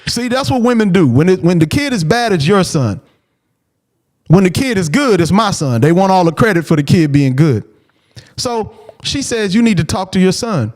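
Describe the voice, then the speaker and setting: A man, a father and show host, telling a personal story in a blunt, animated way, repeating key phrases and acting out what he said. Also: high-pitched, moderate pace. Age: adult, father of a preteen. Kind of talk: casual storytelling.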